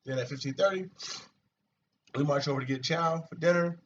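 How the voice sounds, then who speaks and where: Guy rambling and cussing about his army schedule, mid pitch, far off muffled mic w/ hiss. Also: a little fast. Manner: rambling, profane and animated. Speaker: soldier vlogger. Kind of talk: casual chat.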